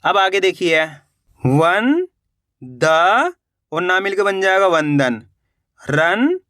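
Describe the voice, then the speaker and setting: A man teaching reading, sounding out each syllable slowly and patiently and landing lower on each finished word. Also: fairly bright tone, no room sound, studio quality. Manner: patient, repetitive, drops pitch on each answer word. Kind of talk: spelling out syllables slowly for learners.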